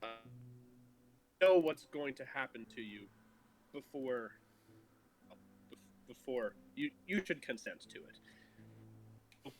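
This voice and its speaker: A man playing an arcane male being whose voice keeps clipping in and out, with the starts and ends of his words chopped off. He talks slowly and haltingly at a middle pitch. Faint music plays underneath. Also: animated. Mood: earnest. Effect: voice clipping in and out, cutting off words. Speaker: tabletop game player. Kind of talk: in-character roleplay over voice chat.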